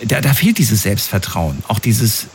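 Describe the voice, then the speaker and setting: A man's voice: lowish voice, very animated, a little slow, a little hiss or hum. A man interviewing, joining in with engaged, opinionated remarks in casual conversation.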